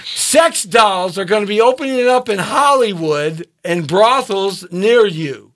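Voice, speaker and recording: A man's voice: sits high, expressive, a little slow, a bit bright, dry recording. A man hosting a radio talk show who jokes, teases his guest, and laughs often. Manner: joking and teasing, laughs often.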